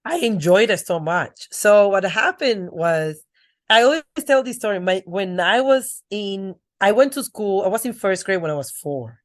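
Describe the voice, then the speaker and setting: A middle-aged woman from the Dominican Republic, a guest on a podcast interview, earnestly tells her life story and restarts her sentences at times. Her medium-pitched voice is expressive and moves at a moderate pace.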